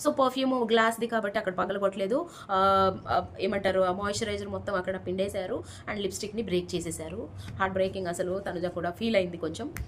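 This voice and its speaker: A woman's voice: mid-range voice, quick pace, slight background noise. Chatty woman recapping a reality show. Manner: chatty, animated retelling with acted quotes. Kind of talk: casual recap commentary.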